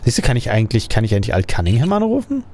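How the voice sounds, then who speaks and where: A man's voice: medium pitch, wildly swooping pitch, racing, dark tone, slight background noise. A man giving casual let's play commentary, thinking aloud and asking himself questions as he plays.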